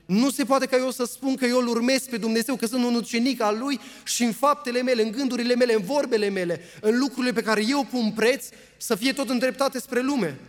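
A man's voice: very high-pitched, hardly any pauses, soft background music. A man preaching a sermon in a church, reading scripture aloud and earnestly putting questions to the congregation. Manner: reads scripture aloud at length. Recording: long hall reverb.

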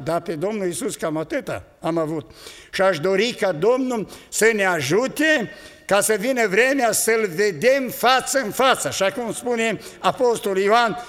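A man's voice: high-pitched, a bit bright, long reverb tail. An older man preaching an earnest sermon to a congregation, exhorting them and recounting visions.

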